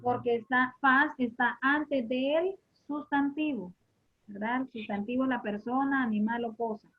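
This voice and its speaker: High-voiced patient woman teaching a class. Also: fairly even intonation, unhurried. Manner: patient, repeats and quizzes students. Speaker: English teacher. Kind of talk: classroom lesson. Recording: muffled lo-fi recording.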